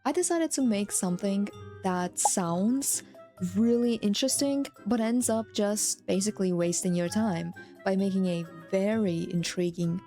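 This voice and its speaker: Woman, vlog narration, playful, self-mocking, mid pitch, crisp mic, music behind. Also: a little slow, mellow. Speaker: VTuber content creator. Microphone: new studio microphone. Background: background music.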